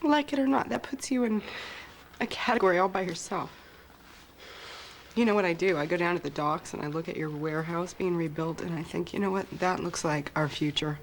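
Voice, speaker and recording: An actress playing a brash young woman who talks fast and defensively and wisecracks, in daytime soap acting. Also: fairly low pitch, slight background noise, close to an everyday voice. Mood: earnest. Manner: defensive, quick-tongued, wisecracking.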